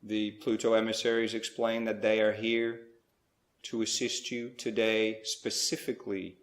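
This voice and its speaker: This guided meditation leader is a man whose low voice stays even as he leads a slow spiritual session. Short, measured phrases and pauses mark his delivery, wrapped in a roomy echo.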